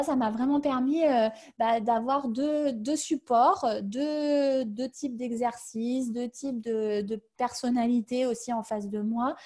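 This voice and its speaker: A woman speaking on a video call in a webinar, answering questions casually. Her voice sits fairly high but sounds mellow and warm. She hesitates a lot and restarts her sentences. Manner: hesitant, many fillers and restarts. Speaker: webinar guest sharing her career change.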